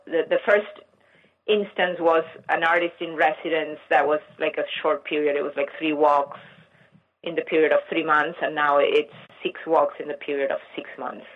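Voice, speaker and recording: A middle-aged artist from Argentina, giving thoughtful interview answers and searching for words with frequent restarts. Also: female voice, low-pitched, fairly even intonation, moderate pace. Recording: muffled lo-fi line.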